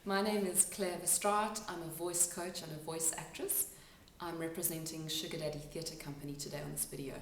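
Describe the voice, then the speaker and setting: A woman who works as an accent coach gives a spoken lesson, explaining sounds step by step and pausing to demonstrate them. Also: sits low, steady tone, slight background noise. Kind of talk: instructional talk to camera. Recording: echoey room, mic at a distance.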